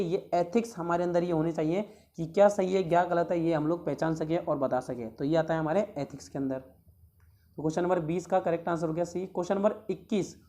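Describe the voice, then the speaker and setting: A male teacher going through exam questions one by one. He reads each English question slowly, then explains it in a chatty way, asking the class rhetorical questions. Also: fairly high pitch, mellow. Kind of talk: exam question walkthrough lesson.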